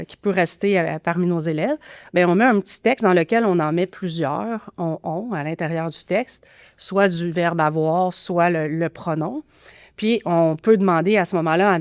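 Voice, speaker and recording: A woman's voice: mid-range voice, darkish tone, no room sound, studio quality. A woman with a Québécois accent explaining teaching methods as a podcast guest, thoughtful with frequent fillers and restarts. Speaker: grammar teaching expert guest.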